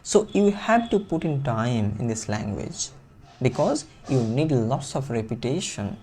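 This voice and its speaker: With a warm, mid-range, sing-song voice at a measured pace, this Bengali-accented man, a native Bengali speaker, earnestly teaches viewers English fluency and repeats key phrases to stress them. A little hiss or hum is present.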